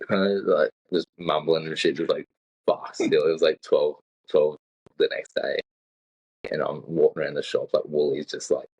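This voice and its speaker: Very deep gravelly man, rambling. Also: darkish tone. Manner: rambling, swears a lot, acts out quotes. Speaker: podcast co-host. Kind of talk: casual chat. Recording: dull lo-fi sound.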